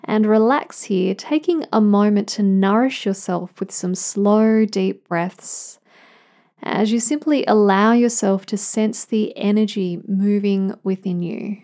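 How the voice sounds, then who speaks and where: A woman teaching yoga, giving soothing, measured instructions in phrases timed to the breath. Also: mid-range voice, dark tone. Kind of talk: guided yoga class instruction.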